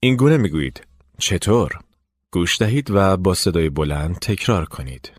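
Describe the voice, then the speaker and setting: A man narrating a language lesson, giving clear step-by-step instructions. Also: low voice, big pitch swings, no room sound, clean studio sound. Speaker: language teacher.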